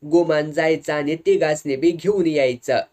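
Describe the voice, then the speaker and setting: A man's voice: on the high side, a little slow, a little mellow, lightly acted. Village mother, as a man puts her on, impatient, snapping, speech.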